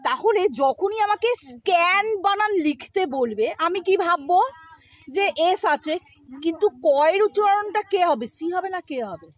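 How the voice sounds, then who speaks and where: A very high, light-voiced woman teaching a pronunciation lesson. She repeats each sound slowly and keeps asking her pupils to answer back. Her manner stays patient and coaxing. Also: expressive, no echo.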